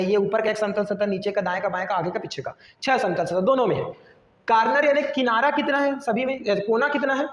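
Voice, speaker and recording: A man teaching a math lesson, often putting a question to the class and then answering it himself. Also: high voice. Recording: echoey room with long reverb.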